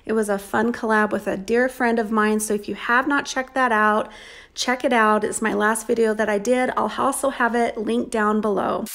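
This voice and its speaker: A woman's voice: a little high, fairly even intonation, moderate pace, fairly bright tone. Chatty woman vlogging at home. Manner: chatty and upbeat, with frequent ums. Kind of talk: casual home vlog narration.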